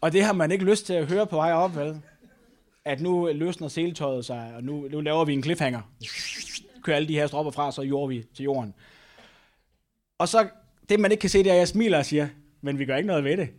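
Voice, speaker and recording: Danish-speaking man preaching a lively sermon. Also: fairly high pitch, pauses often. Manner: storytelling, tag questions, repetitions. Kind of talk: sermon with personal story.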